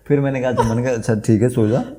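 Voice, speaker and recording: Speaking rapid-fire at a medium pitch, a man guesting on a podcast spins a funny anecdote in casual conversation. He acts out the lines he quotes and laughs often.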